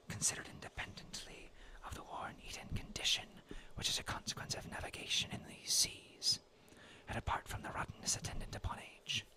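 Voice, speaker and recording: A man in his twenties from New England, reading a classic sea tale aloud in a whispered role-play ASMR style. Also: pushed and bright. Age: 20s. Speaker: storyteller.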